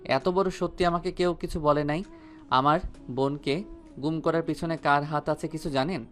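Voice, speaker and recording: A man's voice: fairly high pitch, fairly even intonation, moderate pace, soft background music, close to an everyday voice. A man voicing a cheeky young male student who teases his family playfully. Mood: earnest. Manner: playful teasing.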